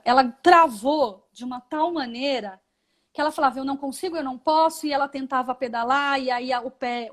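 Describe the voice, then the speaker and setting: A Brazilian woman, a physiotherapist and mother, explaining her path in a live interview, reflective, with many tag questions. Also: high voice. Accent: Brazilian Portuguese.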